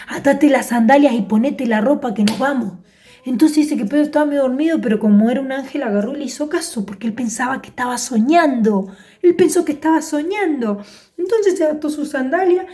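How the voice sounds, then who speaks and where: A woman with an Argentine Spanish accent, telling a Bible story to children as a Sunday-school teacher, with playful sound effects and frequent "¿sí?" check-ins. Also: high-pitched. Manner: animated storytelling with sound effects and tag questions.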